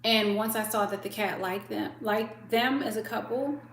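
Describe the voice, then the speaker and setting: On her livestream, a mid-range-voiced woman speaking at normal speed shares casual chat and lively stories, putting on different voices as she tells them. There's an echo to the room and a faint hum underneath.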